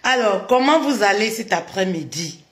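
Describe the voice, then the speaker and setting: A woman's voice: medium pitch, lively intonation, normal speed. A woman hosting a casual live stream, chatty and repeating her greetings again and again.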